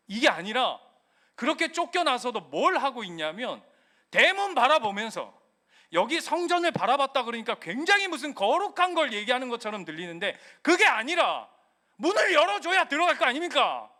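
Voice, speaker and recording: A middle-aged male pastor delivers a lively sermon in a high, bright voice. His pitch leaps and dips with animation, and he keeps breaking into playful acted-out quotes of a child and a parent. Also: moderate pace.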